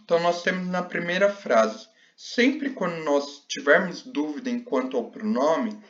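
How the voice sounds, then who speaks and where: A man teaching a slide lesson, talking slowly with many fillers and checking questions. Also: a little high, animated, fairly bright tone, muffled recording. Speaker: Spanish teacher.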